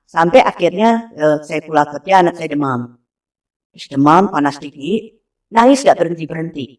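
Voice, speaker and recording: A woman in her thirties telling a personal story in a casual, animated way, acting out the voices of people she quotes. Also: lowish voice. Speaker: interview guest. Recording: voice slightly distant from mic.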